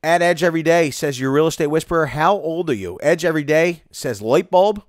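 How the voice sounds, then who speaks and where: A man's voice: fairly high pitch, fairly quick, dry recording, clean studio sound. A man, chatting casually and rambling as he reads viewer comments on a live stream. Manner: excitable, rambling, many restarts and "like". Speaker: host reading live chat. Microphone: close mic, home live stream.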